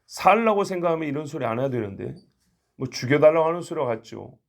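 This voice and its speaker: Gravelly-voiced male pastor preaching. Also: a little high, lively intonation, fast. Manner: conversational, acts out the quoted lines. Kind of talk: sermon.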